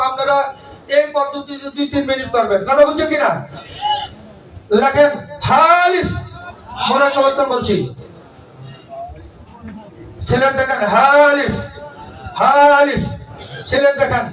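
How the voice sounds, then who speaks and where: Very high-voiced man teaching from far off. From Bangladesh. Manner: commanding, keeps checking the class understands, at times shouting. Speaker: Quran reading teacher training other teachers. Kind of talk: classroom instruction. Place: classroom. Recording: echoey room from far off, with a crowd.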